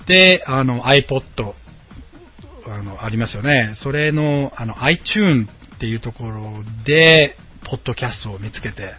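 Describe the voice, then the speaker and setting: A man's voice: mid-range voice, expressive, measured pace, husky. A man in his late thirties from Osaka, hosting his own podcast in a friendly, rambling way with many hesitant fillers. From Osaka, Japan. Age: late 30s. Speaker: podcast host. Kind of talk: casual solo podcast chat. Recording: dull lo-fi sound with faint background music. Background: quiet background music.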